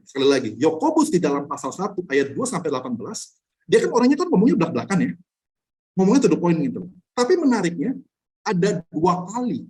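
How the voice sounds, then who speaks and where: Male pastor, quick and lively delivery, casual Bible-study teacher who pokes at his listeners with questions. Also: a little high. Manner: animated, blunt, rhetorical questions to the audience; chuckles between points. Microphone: online class recording.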